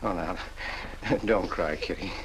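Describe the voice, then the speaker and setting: An actor playing a meek, lovesick older man who stammers and pleads gently, in 1940s film acting on an old soundtrack. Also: low voice, takes it slowly, noisy background. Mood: pleading.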